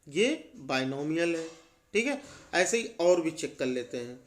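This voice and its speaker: A high-pitched young man walks students through a maths lesson. He asks questions aloud and answers them himself, checking in often and slowing down over each key term. His voice sits well above most men's. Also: very animated. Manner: asks rhetorical questions, repeats "ठीक है" often; slows down on key terms, stresses answers low. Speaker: maths teacher. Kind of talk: classroom lesson explanation.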